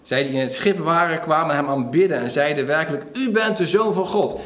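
A man preaching a sermon, retelling a story lively with acted-out quotes and frequent fillers. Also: fairly high pitch, fairly quick, roomy sound. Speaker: pastor.

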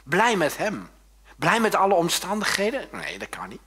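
A male preacher delivers a sermon, his pitch swinging widely as he jokes and keeps turning to the congregation with quick tag questions. His voice is husky yet forceful. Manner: lively and joking, often tags questions to the congregation. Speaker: pastor.

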